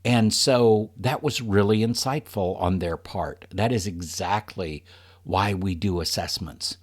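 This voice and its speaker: A man's voice: low-pitched, unhurried. A man presenting a leadership training program to an audience in an earnest, emphatic way.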